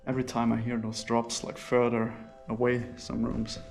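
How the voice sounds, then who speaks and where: Man talking through a face mask, gravelly creak. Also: medium pitch, monotone, moderate pace, a little mellow, faint music behind. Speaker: solo urban explorer vlogger. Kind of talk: casual exploration commentary to camera. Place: inside an abandoned hotel's rooms.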